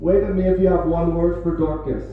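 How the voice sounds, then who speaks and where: A man in his forties preaching through an interpreter in a church hall, speaking in short encouraging phrases with pauses for translation. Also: on the high side, fairly even intonation. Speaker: visiting preacher. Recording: echoey hall, distant and dull.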